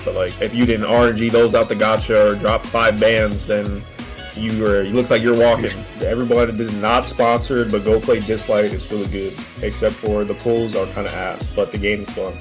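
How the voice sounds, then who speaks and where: A young man chatting casually about games in a rambling, slangy way with frequent swearing. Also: on the low side. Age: young adult. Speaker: podcast co-host. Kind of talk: casual gaming chat. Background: music in the background.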